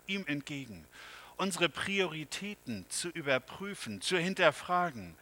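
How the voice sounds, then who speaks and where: A man preaches a sermon, taking his time over every phrase. His tone is bright and ringing, and his voice rises to loud appeals before falling to hushed, near-whispered lines. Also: medium pitch, low-quality recording. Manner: slow and dramatic, swings from loud to hushed whispers. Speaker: pastor.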